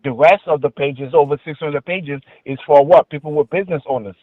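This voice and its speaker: A man with a Queens New York accent calling in to argue politics casually, halting and repeating himself with slangy filler phrases. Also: a little high, no room sound. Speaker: caller. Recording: tinny phone-like call audio.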